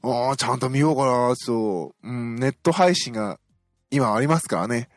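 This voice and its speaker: A man's voice: mid-range voice, moderate pace, no echo, clean studio sound, soft background music. A man hosting a podcast, giving a casual, chatty film review with frequent fillers and self-deprecating fan humor. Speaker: podcast host.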